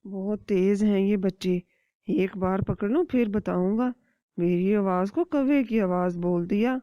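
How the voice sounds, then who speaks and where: A woman's voice: mid-range voice, no echo, lightly acted. A woman voicing a sly, hungry male kite bird villain in a cartoon, muttering his schemes to himself. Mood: scheming. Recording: dull dry lo-fi recording.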